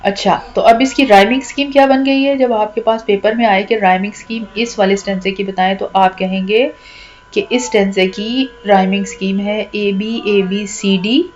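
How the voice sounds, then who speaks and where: A woman teacher patiently explaining a poem's rhyme scheme, stretching out key words slowly and repeating each step. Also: mid-range voice, steady tone, lo-fi sound, slight background noise. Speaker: English teacher.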